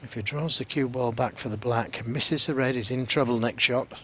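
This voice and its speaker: A man's voice: mid-range voice, fairly quick, bright, forceful tone, a little hiss or hum. A man co-commentating on snooker in a conversational, analytical way.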